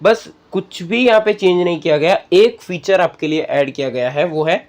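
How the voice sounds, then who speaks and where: Hosting a relaxed tutorial, a man with an Indian accent and a slightly high-set voice talks through each step conversationally at normal speed. He regularly checks in with the listener along the way.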